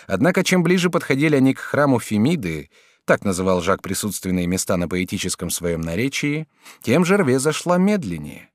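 Expressive male audiobook narrator. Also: lowish voice, dry recording, clean studio sound. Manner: expressive, varied storytelling. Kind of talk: scripted literary narration.

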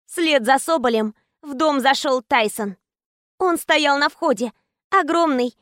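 A woman's voice: sits high, a bit bright, no echo, studio quality. A woman narrating a tense first-person story as an audiobook reader.

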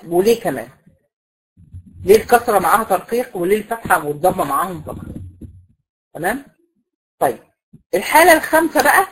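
A woman's voice: mid-range voice, a bit bright, breathy edge, poor audio. A woman with an Egyptian accent, a recitation teacher lecturing a class, explaining patiently, asking the class questions and repeating the key rules. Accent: Egyptian Arabic.

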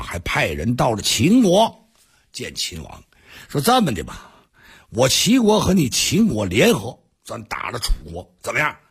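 A male storyteller performs a traditional tale in a radio studio, dramatic and full of asides to the audience. His voice is husky, and his pitch swoops up and down constantly. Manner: lively, dramatic, with asides to listeners.

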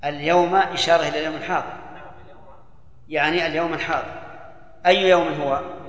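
Captured on an old tape in an echoey hall, an older scholar gives a classroom lesson on Quranic tafsir, questioning his students and chiding those who forget. His fairly high, slightly bright voice moves quickly with fairly even intonation.

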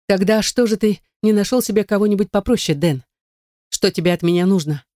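A proud, scornful young woman of wealth speaks down to the man she has left, as a male audiobook reader puts her on. Her voice sits higher than the reader's own and carries a warm, mellow tone. The recording is dry and close. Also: brisk, no echo, lightly acted. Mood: haughty scorn. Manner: haughty, scornful. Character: haughty, angry rich young woman. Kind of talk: audiobook character voice.

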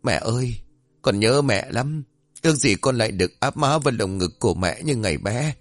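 A man's voice: mid-range voice, animated, normal speed, no room sound, clean studio sound, close to an everyday voice. A man voicing a tearful, clingy older village man who whimpers as he speaks. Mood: sobbing.

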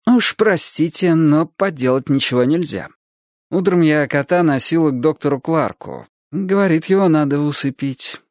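A man reading an audiobook, voicing a brisk, stern elderly grandmother who talks in a curt, impatient, scolding way. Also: low-pitched, darkish tone, no echo, studio quality, pitched above the performer's own voice, close to an everyday voice.

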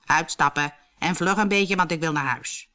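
A woman voicing a bossy male mole who runs a lift, calling out loudly. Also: sits low, normal speed, pitched below the performer's own voice.

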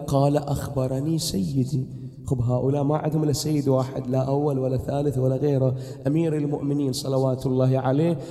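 A man's voice: fairly high pitch, dark tone. A man preaching a Muharram night sermon, impassioned and rising to near-chanted emphasis. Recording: long reverb of a large hall.

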